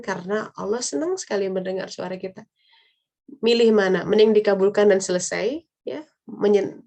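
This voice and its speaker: A woman's voice: medium pitch, warm tone. A woman leading an online religious study talk in a conversational way, slipping in English phrases.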